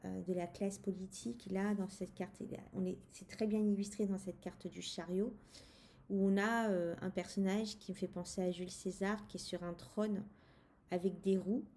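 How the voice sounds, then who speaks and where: Woman, tarot vlogger, mellow dark voice with fry, casual and halting, lots of fillers, talks to the viewer. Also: mid-range voice, steady tone, a little hiss or hum. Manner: hesitant, many fillers and restarts; speaks directly to the viewer. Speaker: tarot reader presenting a deck. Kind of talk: casual spoken deck review.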